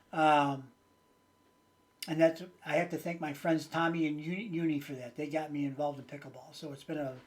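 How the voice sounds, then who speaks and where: A channel host in his late sixties, with a slightly high voice, talks casually and unscripted to his viewers. He rambles in a folksy way, his phrasing hesitant.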